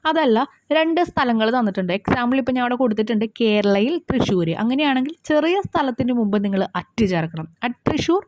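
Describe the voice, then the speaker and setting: A woman teacher walking students through exam answers, reading questions slowly and carefully, then explaining briskly. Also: a little high, expressive, darkish tone, no echo.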